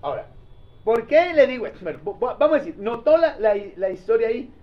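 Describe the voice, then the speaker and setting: A male pastor preaching a sermon. He tells the story in a lively way and keeps asking the congregation questions. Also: very high voice, fast talker. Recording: dull lo-fi recording.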